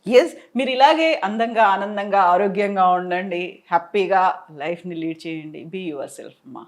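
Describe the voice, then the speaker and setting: A woman's voice: mid-range voice, measured pace. A woman interviewer in casual chat, affirming and responsive. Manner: warm, affirming, brief replies.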